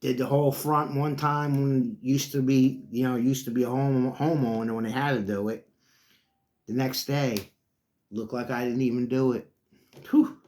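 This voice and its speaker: A man's voice: medium pitch, level tone, moderate pace, a little mellow. Folksy, rambling middle-aged man. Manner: chatty, folksy, drifts between topics, often calls listeners folks. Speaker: host of his own sports talk channel. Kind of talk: casual rambling monologue.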